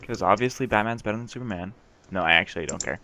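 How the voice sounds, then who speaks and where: Laid-back guy with a lowish, lively voice, casual game chat, clear background noise. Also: fast talker. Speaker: game co-host.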